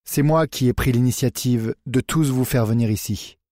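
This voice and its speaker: A man voicing a grave, secretive man slowly confessing the truth. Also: medium pitch, no echo, studio quality, close to an everyday voice. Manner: grave, deliberate, hushed.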